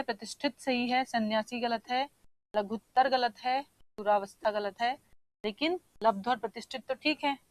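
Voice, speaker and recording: A woman's voice: on the high side, dry recording, poor audio. A woman teacher going through exam answers, explaining spelling patiently and often checking in with her students. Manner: sounds words out slowly to show the spelling. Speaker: Hindi teacher. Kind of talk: exam paper discussion.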